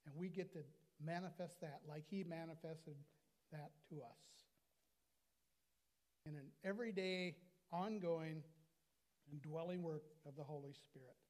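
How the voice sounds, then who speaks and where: An older American man preaching an earnest sermon on a lapel mic in a small church. His voice sits a little high for a man. He slows right down to lean on the words that matter. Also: darkish tone. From United States. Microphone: lapel mic at a pulpit.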